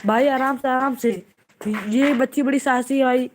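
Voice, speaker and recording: A high-pitched woman narrates in an excited, casual way. She keeps repeating urgent warnings, and faint noise sits under her voice outdoors at night. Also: normal speed. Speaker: vlogger narrating. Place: outdoor home courtyard at night.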